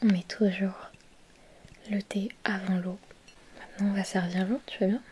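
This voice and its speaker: A woman in a whispered role-play, speaking in a soft, breathy whisper, quiet at night, gently soothing and reassuring the listener step by step. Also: medium pitch, level tone, normal speed, a little hiss or hum. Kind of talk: whispered role-play, ASMR bedtime pampering.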